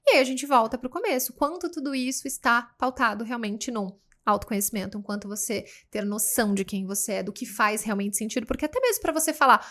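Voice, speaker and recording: A woman co-hosting a podcast, speaking in a calm, measured, reflective way. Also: a little high. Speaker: podcast co-host.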